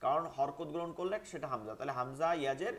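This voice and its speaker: Teacher, male, higher-pitched, patient, chants letter drills steadily. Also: fast talker. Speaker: Quran reading teacher. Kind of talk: online class lesson, rhythmic drilling.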